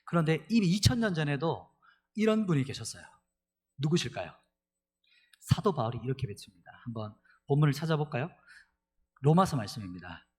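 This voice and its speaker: A middle-aged man delivers an animated sermon as pastor, calling the congregation to read scripture together. His voice sits a little high and has a husky edge. His pitch swings widely as he preaches. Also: fairly quick, long pauses.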